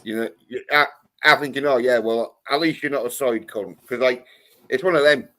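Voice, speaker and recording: A man with a mid-pitched voice rambles through casual chat. He swears often and leans hard on his words. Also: normal speed, a bit bright.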